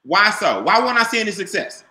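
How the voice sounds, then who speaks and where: High bright voice guy hammering points home on a zoom call, echoey room. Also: sing-song, a little fast. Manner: emphatic, repeats key points, quizzes listeners. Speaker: business trainer. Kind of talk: coaching on a video call. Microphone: video call.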